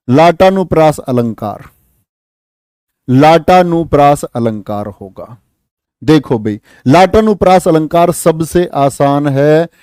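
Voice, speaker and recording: Lively male Hindi exam-prep teacher. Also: on the high side, smooth, no echo. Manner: lively, repeats questions to students and answers them. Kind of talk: online exam-prep lesson.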